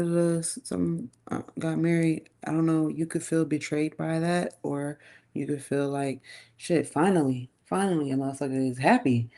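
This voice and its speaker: A woman's voice: deep voice, dark tone. A woman giving a casual live tarot reading, thinking aloud in a chatty, loose way and swearing now and then. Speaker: tarot reader.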